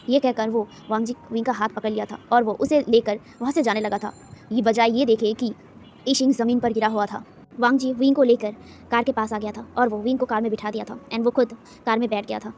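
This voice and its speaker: A woman's voice: fairly high pitch, a little mellow, a little hiss or hum. A woman narrating a fan fiction story with emotive, repetitive retelling.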